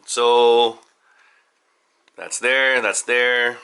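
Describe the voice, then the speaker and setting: A father hosting a family video channel, casually showing off his home studio in a halting, rambling way with lots of fillers and restarts. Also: medium pitch, little pitch movement, pushed and bright, clear, resonant tone. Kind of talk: casual studio tour vlog.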